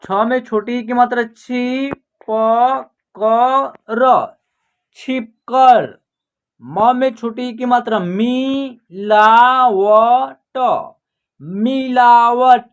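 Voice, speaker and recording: Online reading teacher; patient, letter-by-letter spelling, slow drawn-out words, very measured pace. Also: medium pitch, dull audio. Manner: spells words out letter by letter, then says the whole word slowly and drawn out; patient, repeats each sentence in pieces. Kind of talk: online lesson for beginners.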